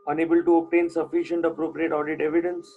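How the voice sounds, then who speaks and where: A man's voice: on the high side, flat delivery, quick pace, darkish tone, dull audio, slight background noise. A man teaching an online class, putting questions to students and repeating the key points.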